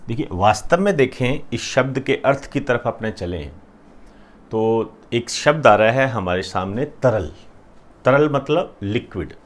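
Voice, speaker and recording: Slow, deliberate male teacher. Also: medium pitch, lively intonation. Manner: slow, repetitive, often checks with "clear?". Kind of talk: classroom lecture.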